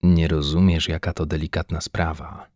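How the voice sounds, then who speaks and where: A man voicing a calm, scheming male official in a science-fiction audiobook, speaking in a quiet, soothing, restrained way. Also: rumbling low, moderate pace, no room sound, clean studio sound. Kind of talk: audiobook character voice.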